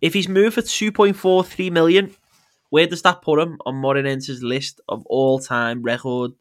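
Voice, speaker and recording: A man's voice: a little high, level tone, normal speed. A man hosting a casual football podcast, chatty and laughing often as he quizzes his co-host.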